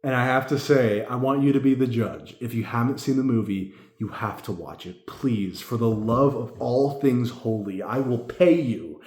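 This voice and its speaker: A man's voice: mid-range voice, normal speed, few pauses, darkish tone. Tipsy man rambling in an echoey room. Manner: tipsy, rambling drunk talk; emphatic, repeats himself, profane. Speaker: amateur film reviewer. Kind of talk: rambling casual movie review.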